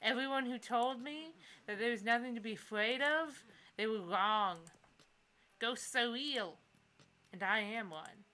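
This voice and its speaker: A woman's voice: fairly high pitch, unhurried, sharp tone. A woman voicing an anxious, fearful new ghost in a video game, brooding and hesitant. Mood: rattled.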